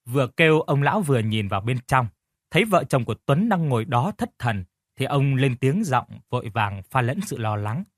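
A man narrating an audiobook story with steady, clearly phrased storytelling. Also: mid-range voice, normal speed, dry recording, studio quality.

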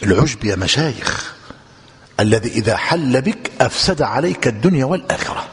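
A man with an Egyptian Arabic accent giving a classroom religious lesson, dictating notes and quizzing his students in a lively teacherly way. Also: mid-range voice, brisk. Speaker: sheikh teaching a book commentary. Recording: long hall reverb.

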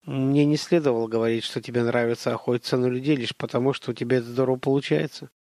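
A man's voice: medium pitch, fairly even intonation, fast talker, darkish tone, no room sound, lightly acted. A man reading a novel aloud, voicing an eager, puppyish young male trainee in a raised, playful voice. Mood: earnest. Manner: playful, pleading.

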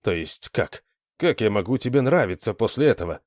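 An earnest young man speaks with impulsive sincerity, his low voice lively in pitch. A man acts him out in a storybook reading. The sound is dry and close. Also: a little fast, no echo.

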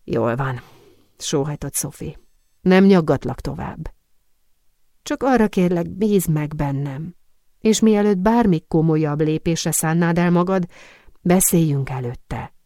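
Earnest young perfumer woman, gentle and pleading, read by a woman; low, warm, dry. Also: no room sound, natural voice.

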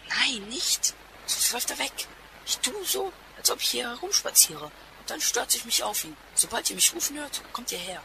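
A gutsy teen boy, gravelly voice, walkie talk, clear hiss behind. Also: very high-pitched, very animated, normal speed, heavily acted. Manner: reporting over walkie-talkie. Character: brave teenage boy detective.

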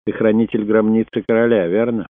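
A man voicing a solemn, guarded old male sorcerer in an audiobook, speaking in a grave, measured way. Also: low voice, fairly even intonation. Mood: probing. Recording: dry, phone-like narrow sound.

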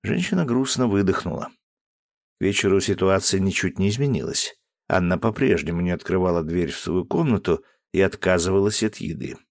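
A man's voice: sits low, fairly quick, no echo, studio quality. A man narrating an audiobook, reading expressively and voicing each character. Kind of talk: scripted narration.

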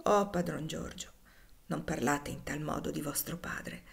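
A woman voicing a gentle, devoted older male slave, speaking softly, low and slowly, in a pleading way. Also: creaky, heavily acted. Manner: soft, low and slow, pleading.

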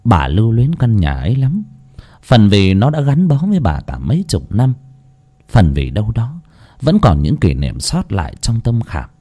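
A man narrating a story in a slow, gentle, lyrical way. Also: lowish voice, wildly swooping pitch.

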